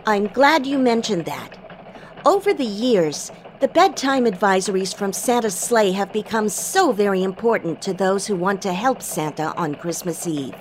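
A woman's voice: medium pitch, lively intonation, moderate pace, a little hiss or hum, natural voice, low-quality recording. A woman as a chirpy elf news anchor. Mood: upbeat. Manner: bright, enthusiastic newsreader delivery. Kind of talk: scripted radio news parody.

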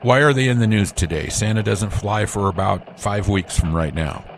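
A man's voice: fairly low pitch, moderate pace, a little hiss or hum, lightly acted. A man playing an upbeat Christmas elf news anchor in a scripted holiday radio newscast, with a formal announcer delivery. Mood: bright, announcing.

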